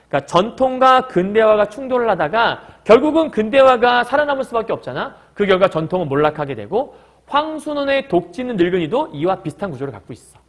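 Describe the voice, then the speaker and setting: A man teaching a literature class, explaining a story by asking quick questions and answering them himself. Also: sits high, fairly bright tone. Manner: breaks into short acted quotes of characters. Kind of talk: recorded classroom lecture.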